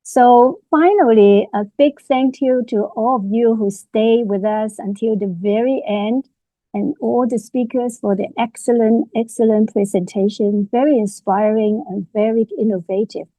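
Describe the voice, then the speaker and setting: A woman's voice: a little high, unhurried, dark tone, dry recording, poor audio. A woman moderating a webinar on a video call, closing with thanks and frequent "you know" fillers.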